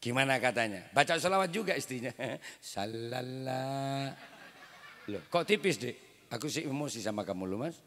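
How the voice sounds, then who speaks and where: A male preacher with an East Javanese accent, joking and telling stories and now and then breaking into sung Arabic verses. His voice is bright and forceful at an even middle pitch. It booms through a sound system with long hall reverb. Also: fast. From Indonesia. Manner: jokey storytelling with chanted Arabic verses. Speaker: Islamic preacher (kiai). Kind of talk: humorous sermon. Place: religious gathering.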